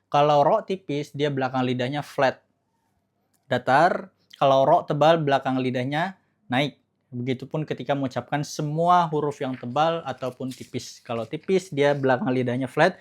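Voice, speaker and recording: A man teaching Quran pronunciation, explaining casually and slowly repeating each sound to demonstrate it. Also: medium pitch. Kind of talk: recorded tajwid lesson.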